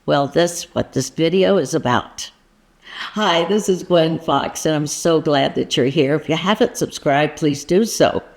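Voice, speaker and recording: Woman, artist and art coach, slow easygoing pace, chatty, self-mocking, playful questions to the viewer. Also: low voice. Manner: chatty and self-mocking about her own frustration. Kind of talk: casual talk to camera, then voice-over narrating a painting process.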